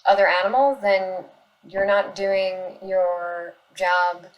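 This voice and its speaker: A woman's voice: mid-range voice, steady tone, slow pace, dull audio. Earnest, insistent woman arguing her case. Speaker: animal rights activist responding to comments. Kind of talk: casual spoken commentary reacting to online comments.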